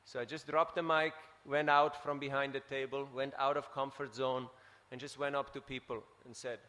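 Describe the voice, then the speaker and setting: A man from Switzerland giving a scripture class, telling stories in an animated way and tagging his points with "huh?". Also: mid-range voice, normal speed, long reverb tail. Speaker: preacher. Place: temple hall.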